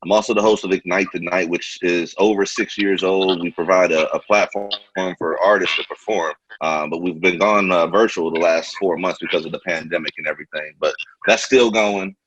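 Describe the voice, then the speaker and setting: A man's voice: low-pitched, steady tone, moderate pace, a bit bright, breathy edge, no echo, dull audio. A man from Kansas hosting a casual video-call interview, laid-back and slangy with lots of fillers. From Kansas, American Midwest. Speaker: host.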